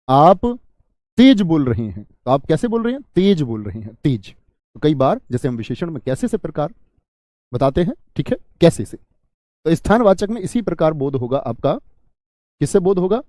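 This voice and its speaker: A man's voice: a little high, warm tone, no room sound, clean studio sound. A man teaching Hindi grammar in an online class, asking students questions, answering them himself and repeating key words.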